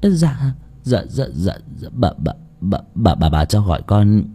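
A man voicing a timid male servant who stammers in hushed tones. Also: fairly low pitch, very animated, normal speed, slightly rough. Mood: frightened.

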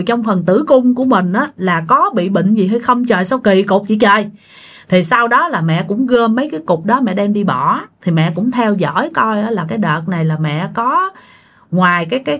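A woman's voice: mid-range voice, fairly bright tone. A woman telling a ghost story in a chatty way, addressing her listeners directly. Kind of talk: spoken ghost-story narration.

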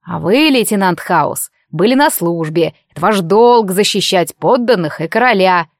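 A stern man at the head of the magic police, cold and clipped, weighing each word in a slow, measured tone, as a woman reads his lines in an audiobook. Dry, close sound. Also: mid-range voice, lively intonation, no room sound.

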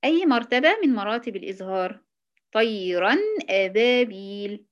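A woman's voice: medium pitch, normal speed, muffled recording. A woman with an Egyptian accent teaching Quran recitation rules, patiently quizzing and praising her students. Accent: Egyptian Arabic. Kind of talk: online tajweed lesson.

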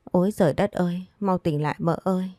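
Woman doing panicky servant girl wailing, lowish warm voice, dry sound. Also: a little fast, no echo, lightly acted. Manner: wailing, loud lament.

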